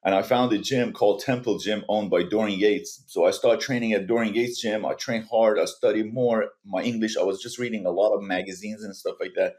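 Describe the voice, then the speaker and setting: Low-voiced Iranian-born man telling his story. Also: fairly even intonation, a little mellow. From Iran. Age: 40s. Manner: earnest, halting, with frequent restarts. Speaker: guest. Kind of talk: personal story in a podcast interview.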